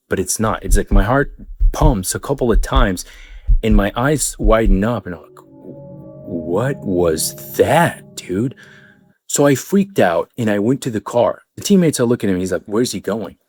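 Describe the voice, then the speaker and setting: A young man with an Arabic accent tells his own story in a relaxed, casual way. His voice is low, and he gets animated when he plays out dialogue. The recording is close and dry, with no room sound. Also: normal speed, slightly rough, no echo, faint music behind. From Arabic-speaking country. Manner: animated, acts out quoted people with rising pitch. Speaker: vlogger.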